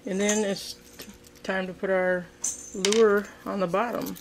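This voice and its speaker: A woman's voice: medium pitch, little pitch movement, a little slow, background noise. A woman hosting a casual how-to video, demonstrating a craft at a table indoors and thinking aloud with frequent ums and restarts. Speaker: fishing craft video host.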